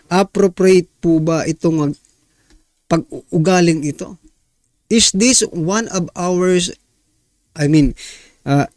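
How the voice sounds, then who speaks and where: High-voiced man giving indignant news commentary. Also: a little mellow, no room sound. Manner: rhetorical, keeps asking viewers "ha?" and "no?"; indignant, exasperated. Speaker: news reaction vlogger.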